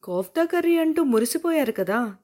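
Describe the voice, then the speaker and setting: A woman's voice: high voice, animated, moderate pace, warm tone, pitched above the performer's own voice. A woman reading the lines of a playful young woman who teases her friends in a familiar way. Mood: teasing. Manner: teasing, familiar.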